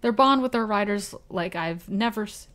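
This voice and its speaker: A woman's voice: mid-range voice, moderate pace, lightly acted. A woman putting on a kindly old blacksmith. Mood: warm. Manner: vague put-on accent, formal and warm. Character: kindly older male village blacksmith. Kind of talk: reading game dialogue aloud.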